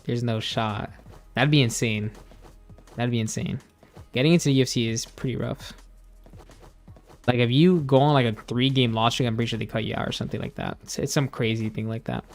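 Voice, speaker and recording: A man's voice: medium pitch, fairly even intonation, a little fast, long pauses, faint music behind. Laid-back young male streamer chatting. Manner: rambling, laid-back, many fillers and restarts. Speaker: gaming streamer. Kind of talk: casual chat while gaming, reading chat.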